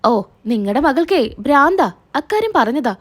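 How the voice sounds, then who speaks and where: Scheming mother-in-law who keeps scolding, read by a woman, high and lively. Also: moderate pace, slightly rough, heavily acted. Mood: accusing. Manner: accusing, scolding.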